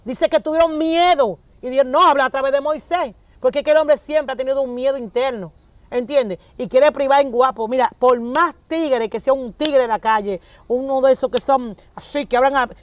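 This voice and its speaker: A woman's voice: sits high, normal speed. A woman, preaching conversationally and acting out little dialogues as she talks. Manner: animated, acts out dialogues with shifting voices.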